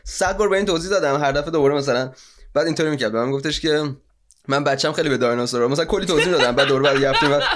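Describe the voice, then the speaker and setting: A man's voice: fairly high pitch, a bit bright. A young man on a casual podcast telling a chatty anecdote and laughing often as he talks. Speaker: podcast co-host.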